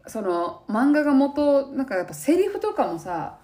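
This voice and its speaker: Young woman, Kansai accent, animated chatty storyteller, very lively pitch. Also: moderate pace. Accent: Kansai Japanese. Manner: animated storytelling, acting out quoted lines. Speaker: podcast co-host. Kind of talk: casual chat.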